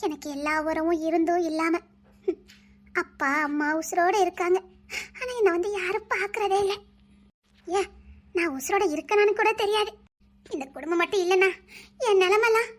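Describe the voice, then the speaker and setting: A woman's voice: very high-pitched, normal speed, pauses often. A tearful woman missing her father. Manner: tearful, heartfelt speech. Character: young woman longing for her lost father. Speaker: woman character in a TV serial. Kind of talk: emotional TV serial acting.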